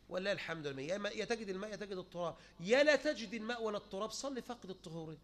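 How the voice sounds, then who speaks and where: Fast-talking Egyptian preacher, animated. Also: male voice, sits high. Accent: Egyptian Arabic. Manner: animated, rhetorical questions, mocking quoted opponents. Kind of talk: sermon.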